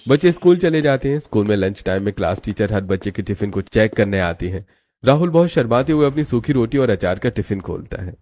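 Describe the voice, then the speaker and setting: A man narrating a cartoon story in a steady, even storytelling voice. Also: fairly low pitch, fairly quick.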